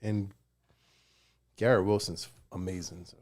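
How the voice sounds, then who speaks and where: A man co-hosting a casual sports podcast, animated, quick to laugh, with casual slang. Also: low voice. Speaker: podcast co-host.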